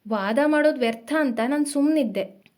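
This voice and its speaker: A woman's voice: high-pitched, a little mellow, lightly acted. Woman voicing a young woman's tense confession. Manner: hurried, strained confession.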